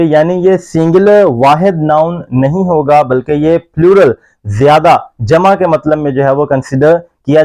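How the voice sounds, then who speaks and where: Slow, deep-toned man teaching pronunciation. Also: darkish tone. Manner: slow, careful, spells words out and over-articulates English examples. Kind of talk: YouTube pronunciation lesson.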